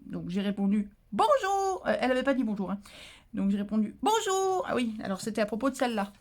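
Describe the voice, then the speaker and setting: A woman crafting vlogger talks casually to her viewers at a middle pitch. She is talkative and lively, often restarting sentences and filling pauses. She drops in playful, mock-indignant asides. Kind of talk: casual chatty vlog.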